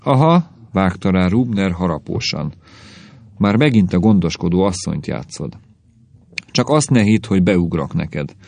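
A man's voice: sits low, animated, creaky, a little mellow, no room sound, full character voice. A man reading a scornful, bitter husband. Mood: sneering. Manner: sneering, lecturing, contemptuous. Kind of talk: audiobook reading.

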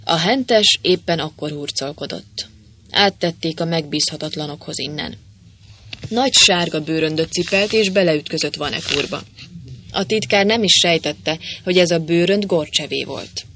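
A reader narrating a comic adventure novel aloud, with playful, lively voicing of the dialogue. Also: medium pitch, slight background noise. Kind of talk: audiobook narration with character voices.

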